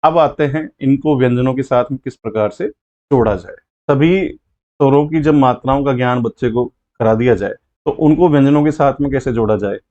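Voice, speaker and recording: A man's voice: mid-range voice, moderate pace, a little mellow, dull audio. A male teacher patiently explaining a lesson step by step, often repeating key points.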